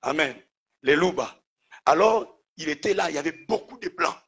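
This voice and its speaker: A pastor preaching to his congregation, his voice a little husky and pitched fairly high. He punctuates his teaching with calls of praise and has the listeners repeat words back to him. The delivery is that of a man in full sermon. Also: animated, normal speed, a bit bright. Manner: preacher calling out "Alléluia" and "Amen", call-and-response with the congregation.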